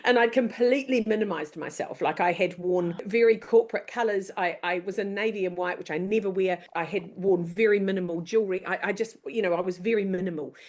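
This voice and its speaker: Woman in her 50s, guest on a leadership chat, animated, does voices when she tells a story. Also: mid-range voice, fairly quick, few pauses. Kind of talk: casual interview chat.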